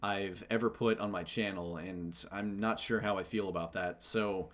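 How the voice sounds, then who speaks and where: A man's voice: low voice, steady tone, normal speed, fairly bright tone. A man hosting a gaming channel, reading a game mod aloud and breaking in with wry, joking asides.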